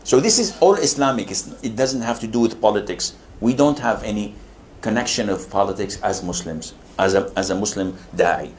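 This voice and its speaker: A man's voice: on the low side, animated, normal speed, darkish tone, a little hiss or hum. An older man from Saudi Arabia, an Islamic preacher answering audience questions with humor, now and then acting out other people's voices. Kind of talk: lecture Q&A.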